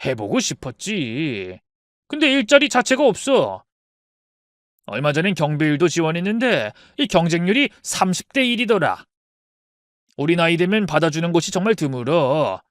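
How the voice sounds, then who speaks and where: A man's voice: fairly high pitch, sing-song, normal speed, dry recording, clean studio sound. An actor voicing a cheerful, stubborn retired father in his sixties, coaxing his worried daughter in a dramatized story.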